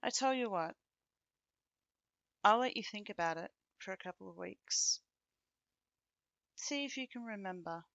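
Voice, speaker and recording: Cold and mocking, this woman voices a resentful young ex in an ASMR roleplay, needling the listener with sardonic teasing, dry laughs, and deliberate pauses. Her medium-pitched voice is creaky and a bit bright with lively intonation, recorded with no room sound but a dull quality.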